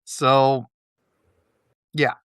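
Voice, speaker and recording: A man's voice: medium pitch, little pitch movement, drawn-out words, fairly bright tone, clean tone, dry recording, clean studio sound. A man hosting a podcast, telling history in a rambling, casual way with frequent laughs. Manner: rambling, laughs often, fillers. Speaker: podcast host.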